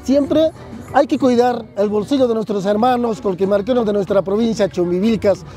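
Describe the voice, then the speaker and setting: A man's voice: high voice, moderate pace, dark tone, soft background music. A man, a municipal official at an outdoor fair giving an earnest press interview, listing items and adding tag questions. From southern Peru.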